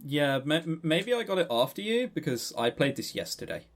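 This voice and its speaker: A podcast co-host with a slightly high, brisk voice full of big pitch swings chats casually and unscripted about games. He jokes and teases throughout.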